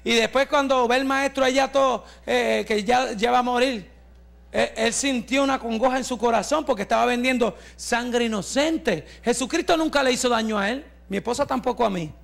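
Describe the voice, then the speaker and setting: Pastor in his forties: very high, bright, gravelly voice; fervent preaching with shouts and jokes. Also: moderate pace. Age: 40s. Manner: fervent preaching, rising to shouts, with joking asides. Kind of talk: testimony sermon.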